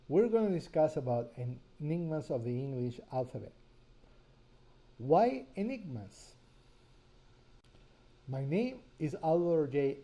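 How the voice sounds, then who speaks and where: This is a man with a Spanish accent and a dark, mid-range voice, heard through poor audio. An author and course presenter, he tells a personal story within a language lesson, speaking earnestly and filling his pauses with fillers.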